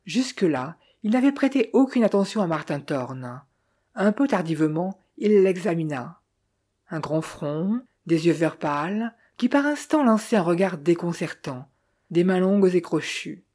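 Woman reading a novel aloud, low mellow voice, calm and even. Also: unhurried, husky. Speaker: audiobook narrator. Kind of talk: scripted narration.

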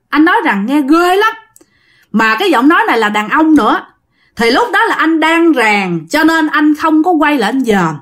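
A woman hosts her channel and tells listener ghost stories in a loose, chatty flow. She speaks to her audience directly in a somewhat high voice. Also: a bit bright. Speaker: storyteller and channel host. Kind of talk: casual ghost-story narration.

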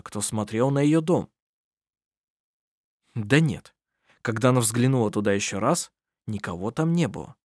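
A man reading a novel aloud as audiobook narrator, in an expressive storytelling manner. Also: mid-range voice, slightly rough, no room sound, studio quality. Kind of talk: scripted narration.

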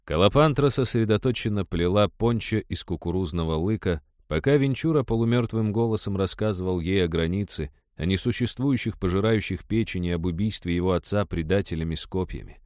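Man, audiobook narrator, low voice, calm measured reading, dry close sound. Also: dry recording. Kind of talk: scripted storybook narration.

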